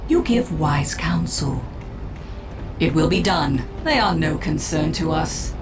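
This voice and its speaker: Low-voiced cryptic alien seer. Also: female voice, expressive, slow pace. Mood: mysterious composure. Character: wise, mysterious female Eldar seer. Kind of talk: video game unit voice lines. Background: music.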